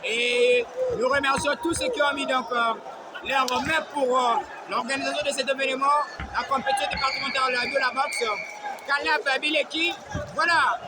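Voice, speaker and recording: A man giving excited, emphatic live boxing commentary like a ring announcer, often calling out names. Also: very high-pitched, normal speed. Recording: noisy live event with loud crowd. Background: crowd noise.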